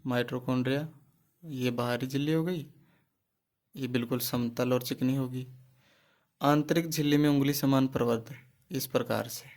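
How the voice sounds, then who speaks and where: A male teacher runs a biology class for exam preparation in a medium-pitched, a little mellow voice. He asks questions, answers them on his own and keeps returning to the key terms.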